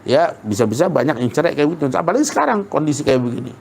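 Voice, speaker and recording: A man giving a casual religious lesson, colloquial and lively, repeating points for emphasis. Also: a little high, fast talker, gravelly, slight background noise. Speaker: Islamic preacher.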